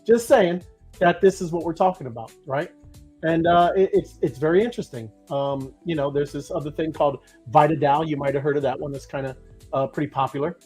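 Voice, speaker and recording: High-ish husky guy chatting on a crypto stream, lots of uh and you know. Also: fairly quick, a little mellow, faint music behind. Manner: rambling, many fillers and restarts. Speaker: crypto show co-host. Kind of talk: casual livestream chat.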